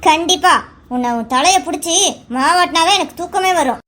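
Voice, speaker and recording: A woman's voice: extremely high pitch, normal speed, fairly bright tone. A woman voicing a pouting young village girl in a cartoon, sulky and doting toward her uncle. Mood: teasing. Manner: pouting, childlike. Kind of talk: cartoon voice acting.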